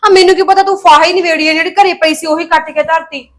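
Actress as a demanding young married woman: high voice, rapid, scolding. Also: steady tone. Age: young adult. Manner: scolding, sulky, fault-finding. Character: demanding spoiled young married sister-in-law. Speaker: actress in a village family drama.

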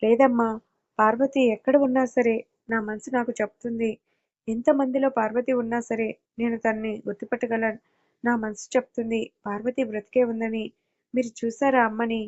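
A woman's voice: on the high side, flat delivery, moderate pace, a little mellow, close to an everyday voice. A woman reading the lines of an injured older man who insists in an earnest way in a storybook audio tale. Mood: insistent. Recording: dull lo-fi audio.

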